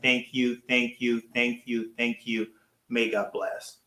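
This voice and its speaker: A man's voice: mid-range voice, level tone, slow, bright, forceful tone. A man from Haiti, leading a ministry and addressing a livestream in a casual, earnest way, thanking people again and again. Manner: earnest, repeats his thanks over and over. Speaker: ministry leader hosting a livestream. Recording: roomy echo.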